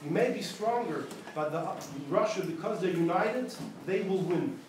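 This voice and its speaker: Speaking at a normal pace, this rabbi has a high voice and performs his storytelling talk with flair, dramatizing quotes and sprinkling in Yiddish. Captured by a far-off mic in a very echoey synagogue hall, the audio carries background noise.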